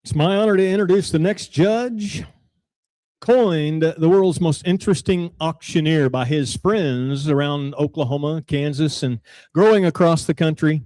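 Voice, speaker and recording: Mellow, higher-pitched male announcer. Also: measured pace, dry recording. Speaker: announcer introducing judges. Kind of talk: scripted formal introduction, read aloud.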